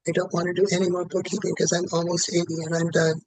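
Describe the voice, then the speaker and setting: A man in his late seventies, playing a client in a tapping session, says the same statement over and over at a quick, even pace. His high, flat voice is recorded close and dry, with no echo.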